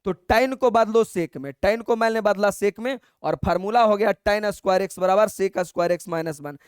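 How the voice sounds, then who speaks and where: A man teaches an exam-prep maths class, his voice sitting high and coming through smooth and clear. He talks in a colloquial, coaxing way, calls the students brother, and dictates each step slowly, repeating it. The sound is dry and close to the mic. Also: dry recording.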